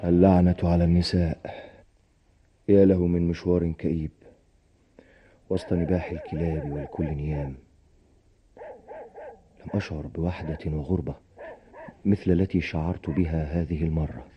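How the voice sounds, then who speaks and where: An actor with an Egyptian accent playing a bitter, desperate young husband in a radio drama, at times shouting in rage. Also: male voice, deep voice, steady tone, moderate pace, long pauses, lightly acted. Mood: brooding. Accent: Egyptian Arabic. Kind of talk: 1990s radio drama acting. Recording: dull lo-fi radio recording.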